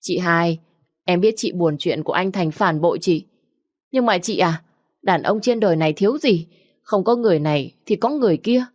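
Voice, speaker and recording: A woman's voice: on the low side, normal speed, dry recording, clean studio sound, natural voice. A woman reading a story aloud, voicing a spoiled young woman who cries on cue and pleads in a whiny voice. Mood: sugary coaxing.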